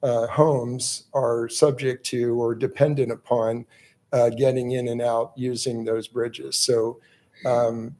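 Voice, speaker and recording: A hoarse, raspy-voiced man giving halting, measured public comment as a resident at a planning meeting. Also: medium pitch, level tone, darkish tone. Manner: halting, measured delivery with pauses.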